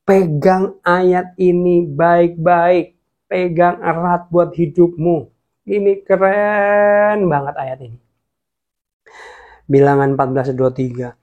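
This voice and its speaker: A man preaching a casual, lively sermon, sometimes dropping to a whisper for emphasis. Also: high-pitched, slow pace, phone-quality sound. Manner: lively, drops to whispers for emphasis, mixes in English.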